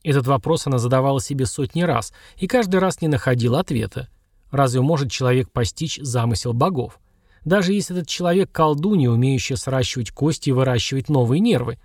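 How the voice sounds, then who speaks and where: A man reading a fantasy audiobook in measured, scripted narration. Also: medium pitch, animated, darkish tone, dry recording, studio quality. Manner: measured storytelling.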